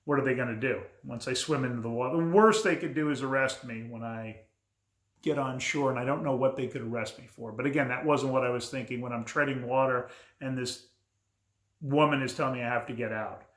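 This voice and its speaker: A man's voice: mid-range voice, a little fast, a bit bright. A middle-aged man talking candidly and bluntly to camera as a men's coach, reflecting casually and often restarting his sentences. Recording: roomy echo.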